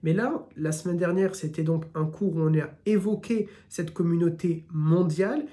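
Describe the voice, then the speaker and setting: A man's voice: fairly high pitch, normal speed, dark tone. A man from France with an Occitan-tinged French accent, teaching a weekly religion lesson in short repeated phrases.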